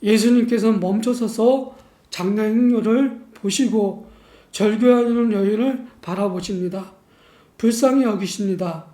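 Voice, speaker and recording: A man preaching a sermon as pastor in a church, measured and unhurried, posing rhetorical questions to the congregation. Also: sits high, warm tone. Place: church sanctuary. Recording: echoey church room.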